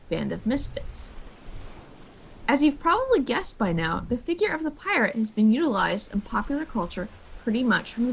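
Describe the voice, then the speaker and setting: A woman's voice: a little high, slight background noise, low-quality recording. A woman museum curator narrating a scripted virtual tour, playful and dropping jokey asides.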